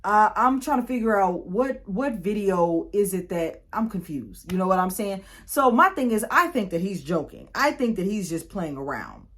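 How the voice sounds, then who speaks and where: A young woman, telling a storytime vlog in a chatty, animated way, often repeating and restarting. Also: medium pitch, moderate pace, hardly any pauses. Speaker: YouTuber.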